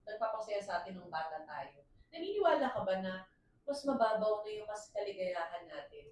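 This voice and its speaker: A woman's voice: mid-range voice, a little fast. A woman, co-hosting a podcast in casual chat and laughing often as she mixes English into her talk. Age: 30s. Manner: animated, laughing, switches between Tagalog and English. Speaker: podcast co-host. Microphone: failing microphone, speaking loudly. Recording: echoey room, distant mic, faint hiss.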